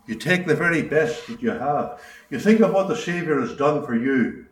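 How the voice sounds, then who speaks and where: A man's voice: fairly high pitch, expressive, normal speed. A man preaching a sermon in a meeting hall, earnest, with a repeating preaching cadence. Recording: echoey hall, distant mic.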